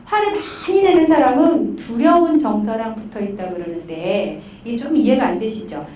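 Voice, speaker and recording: Middle-aged woman counselor, high voice, animated storyteller, distant mic in a roomy hall. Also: a little hiss or hum. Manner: animated storytelling with acted quotes. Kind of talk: conference talk. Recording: echoey hall from far off.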